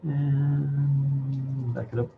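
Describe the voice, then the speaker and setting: Male instructor, muffled through a face mask; halting, informal classroom demo delivery, dull recording with faint noise. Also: medium pitch, level tone, gravelly. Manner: halting, thinking aloud. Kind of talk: informal classroom software demonstration.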